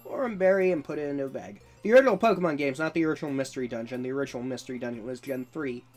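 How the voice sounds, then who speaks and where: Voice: mid-range voice, racing, a little mellow. A gamer chatting casually through a let's play, reading bits of on-screen text and adding amused asides. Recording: faint music behind. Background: video game music.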